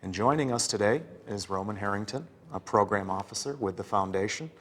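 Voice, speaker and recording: A man's voice: fairly low pitch, fairly quick, a bit bright, in a large hall. A man hosting a public-affairs interview, prompting his guest with friendly questions. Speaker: interview host.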